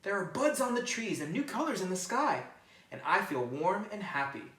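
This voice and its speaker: A woman's voice: medium pitch, very animated, moderate pace, a bit bright, pitched above the performer's own voice. A woman voicing a cheerful, chirpy little bird in a picture book read-aloud. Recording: roomy, mic at a distance.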